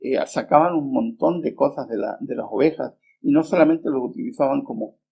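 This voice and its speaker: A middle-aged man preaching a sermon, earnest and unhurried, often pausing with small hesitations as he tells a personal story. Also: mid-range voice, vocal fry. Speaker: preacher and Bible teacher. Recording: dull lo-fi remastered recording.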